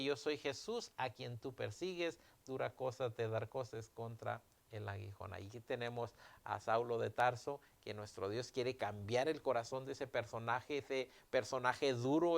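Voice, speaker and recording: Male pastor, gravelly mid-range voice, preaching with emphatic swells. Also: medium pitch. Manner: preaching with emphatic rises, retelling scripture dialogue. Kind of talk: sermon.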